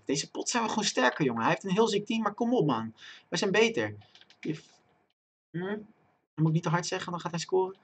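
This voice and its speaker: Excitable young man narrating his match. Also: sits high, breathy edge. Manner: talks to himself and chat, bursts into loud excited shouting at chances. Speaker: gaming streamer. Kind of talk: live gameplay commentary. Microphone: desk microphone.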